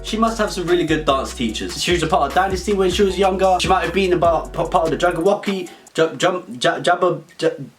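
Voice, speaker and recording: With music in the background, a British man performs a rambling, mock-serious comic monologue telling an absurd story for a comedy video. He has a high, fairly bright voice.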